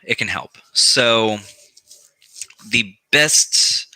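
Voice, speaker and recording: A man with a lowish voice and a very bright, sharp edge talks slowly in a casual how-to vlog. He rambles with frequent ums and restarts and swears freely. The sound is dry and close. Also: no room sound, rough recording. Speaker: occult practice vlogger.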